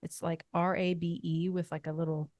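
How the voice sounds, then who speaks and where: A woman co-hosting a faith podcast, talking in a thoughtful, meandering way with fillers and soft laughs. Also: lowish voice, flat delivery, normal speed, no room sound. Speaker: podcast co-host. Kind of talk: casual faith podcast chat.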